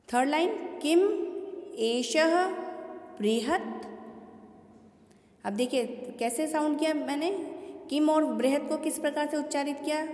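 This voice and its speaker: High-voiced woman teaching in an echoey room. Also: a little mellow. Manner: patient, repeats words slowly and asks students questions. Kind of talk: classroom lesson explaining Sanskrit pronunciation. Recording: echoey room with long reverb.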